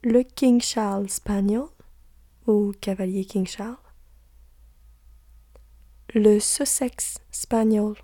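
A woman slowly reading out a long list, softly, and slipping into whispered asides. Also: mid-range voice, fairly even intonation, no echo, studio quality. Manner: soft, slow, drops to a whisper for asides.

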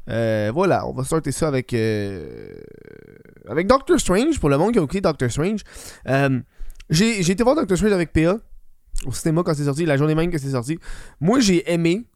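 A Quebec-accented man with a fairly high voice chats as a solo podcast host. His talk is informal and sweary, sprinkled with English slang. The recording is dry, free of room echo. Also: very animated, moderate pace, darkish tone. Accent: Quebec French. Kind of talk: casual podcast chat.

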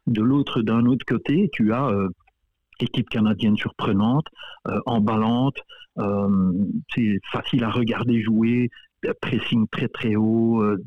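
A man's voice: mid-range voice, a little slow, no echo. Man on a tinny phone line. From Belgium. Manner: hesitant, many repeated words and fillers, laughs often. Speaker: guest soccer coach. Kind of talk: casual radio interview.

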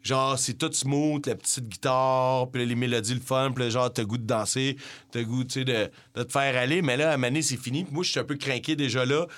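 A young Québécois man talks music in a loose, rambling way, full of slang and asides. His pitch sits in the middle and his manner is excited. It sounds like casual chat between podcast co-hosts. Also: fast. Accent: Québécois French. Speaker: podcast co-host.

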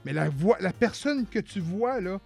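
A man's voice: high voice, expressive, measured pace, vocal fry, darkish tone, faint music behind. A man with a Québécois accent in casual chat, telling a story and quoting others with animation. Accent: Quebec French. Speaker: podcast co-host. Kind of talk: casual chat, retelling a conversation.

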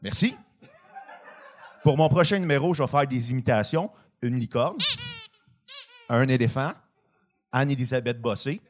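A man doing stand-up on stage, delivering a rapid string of deadpan bits. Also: medium pitch, soft background music. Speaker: stand-up comedian. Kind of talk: stand-up one-liners. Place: comedy club stage.

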